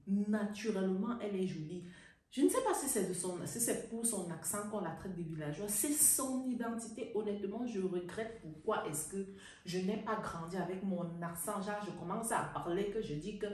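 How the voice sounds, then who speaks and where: A woman's voice: mid-range voice, darkish tone, distant mic. A woman hosting and chatting to viewers in a teasing, exclamatory way. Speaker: host. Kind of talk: casual commentary to viewers. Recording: very echoey room, off mic.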